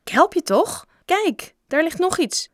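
A woman voicing a boy who grumbles and is fast to say no, reading a storybook aloud. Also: mid-range voice, dry recording, clean studio sound, lightly acted. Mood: lively. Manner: sulky, quick to refuse. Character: boy, a complaining friend.

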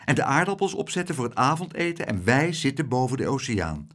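A man voicing an earnest, steady young boy in an audiobook, raising his voice to sound like a child. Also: mid-range voice, a little fast, pitched above the performer's own voice. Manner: earnest, matter-of-fact.

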